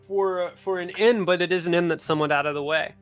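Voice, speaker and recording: A man narrating as game master in a tabletop game, rambling with frequent pauses and restarts. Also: high voice, steady tone, a bit bright, soft background music. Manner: rambling, many uhs and restarts.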